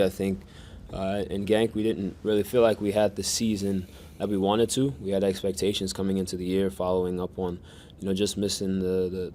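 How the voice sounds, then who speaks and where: A man answering questions at a press conference in a monotone, measured way with many restarts. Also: low voice, slight background noise. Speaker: soccer defender at press conference.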